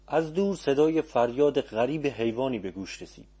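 A man narrates a story for an audiobook, calm and measured. His voice is mellow and warm with a husky edge. His pitch sits in a typical middle range.

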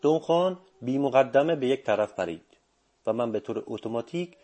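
A man narrating a first-person audiobook in a measured, steady reading. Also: medium pitch.

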